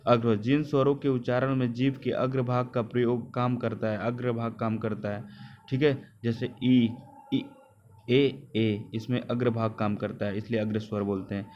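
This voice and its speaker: A man's voice: mid-range voice, flat delivery, brisk, hardly any pauses, darkish tone, highs cut off, slight background noise. A man teaching a grammar lecture, repeating key terms, asking rhetorical questions and correcting himself. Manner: self-correcting with "sorry".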